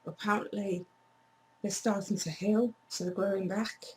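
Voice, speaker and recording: Woman, hoarse and losing her voice, casual vlog chat, blunt and chatty, faint hum behind. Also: medium pitch, fairly even intonation, normal speed, darkish tone, rough recording. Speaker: vlogger.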